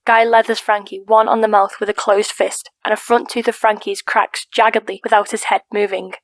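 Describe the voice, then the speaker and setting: A woman narrating an audiobook crime drama in a steady, even reading voice. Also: medium pitch, a little fast, no echo. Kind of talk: scripted narration.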